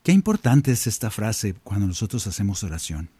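Husky-voiced man leading prayer. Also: fairly low pitch, a little fast, no echo. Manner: animated, acts out quoted voices, addresses listeners as brothers and sisters. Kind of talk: prayer reflection addressed to listeners. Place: own recording studio.

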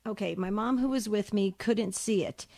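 A woman's voice: medium pitch, normal speed, creaky, a little mellow. A woman co-hosting a call-in radio show, reading listener questions aloud and answering them in a chatty way with many fillers and restarts.

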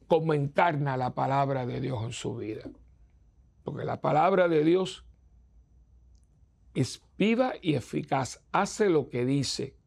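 A man preaching a sermon as a priest, gravelly and husky, emphatic, acting out the voices of people he quotes. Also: mid-range voice, darkish tone.

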